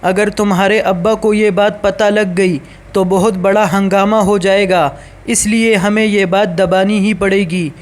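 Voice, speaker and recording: A man voicing a worried mother consoling her daughter, soft and pleading. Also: high-pitched, flat delivery, close to an everyday voice.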